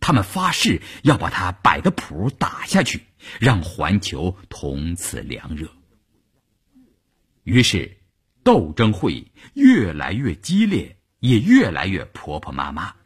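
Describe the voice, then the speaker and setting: A man narrating an audiobook novel in a dramatic, expressive reading style. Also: low-pitched, slow pace, slightly rough. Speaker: storyteller.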